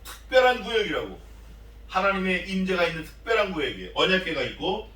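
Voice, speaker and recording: A male pastor delivers an animated expository sermon, his voice high and bright. He keeps putting questions to the listeners and acting out the voices in scripture. The sound is roomy and a little distant, as if caught from across the sanctuary. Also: fast. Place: church sanctuary.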